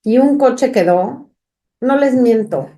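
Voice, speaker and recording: A woman's voice: a little high, lively intonation, takes it slowly, warm tone. A woman, co-hosting a podcast and telling anecdotes straight to her listeners in a conversational way. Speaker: podcast co-host. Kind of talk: casual conversation.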